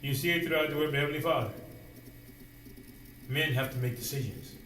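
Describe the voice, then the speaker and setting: A man preaching a sermon, asking rhetorical questions and dropping suddenly to a quiet voice. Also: on the high side, brisk, recorded from a distance, slight background noise. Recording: roomy echo, voice away from the mic, faint ambience.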